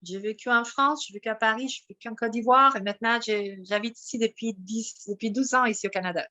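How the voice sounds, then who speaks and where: This guest is a woman from Mexico whose first language is Spanish, with a bright, fairly high voice and a brisk pace. Telling a personal story in a relaxed interview, she speaks animatedly and keeps restarting her sentences.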